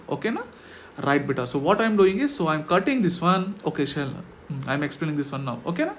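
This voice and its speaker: Male maths tutor, Indian accent, high voice, explains step by step with constant check-in questions; faint noise behind. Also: fairly bright tone. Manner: repetitive checking questions with tag words. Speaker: maths teacher.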